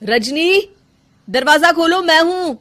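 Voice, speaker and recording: A gentle young husband coaxes his wife to talk, with a lively rise and fall in his voice, as a woman narrator does him. He speaks slowly and kindly. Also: very high-pitched, voice pushed up, exaggerated voice. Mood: coaxing. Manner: coaxing, gentle.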